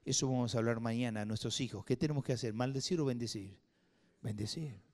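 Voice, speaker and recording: A man preaching a sermon in a church, swinging from loud emphatic bursts to hushed asides. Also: medium pitch, fast talker. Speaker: pastor. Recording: long hall reverb.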